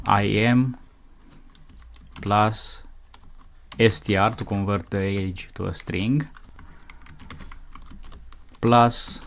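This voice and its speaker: Man slowly dictating code as he types. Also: on the low side, a little hiss or hum. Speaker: programming instructor. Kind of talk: screencast coding tutorial.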